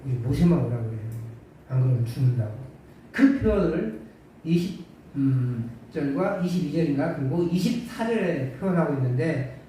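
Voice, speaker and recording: Preaching in a church sanctuary, this man speaks at a normal speed with a slightly high, warm voice and lively intonation. His conversational sermon is full of rhetorical questions and dry humor, recorded from far off in an echoey hall with faint hiss.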